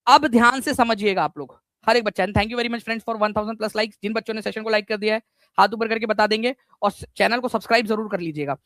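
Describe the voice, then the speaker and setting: A lively male instructor holds a live online exam-prep class, going over material repeatedly, quizzing students and weaving in English words. His voice sits high and his delivery is brisk, with no echo.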